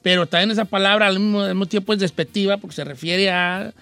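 A man with a western Mexican accent hosting a show in casual chat, playful and animated as he explains regional slang. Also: sits high, fast, smooth. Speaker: radio show host.

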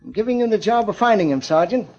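An actor playing a brisk, authoritative Mountie inspector in an old-time radio drama. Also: male voice, high voice, expressive, darkish tone, faint music behind. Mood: businesslike. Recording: dull old radio recording.

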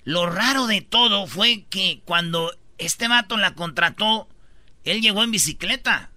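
A man's voice: sits high, unhurried, pushed and bright, dry recording. A man hosting a radio show, telling stories in playful, slangy banter.

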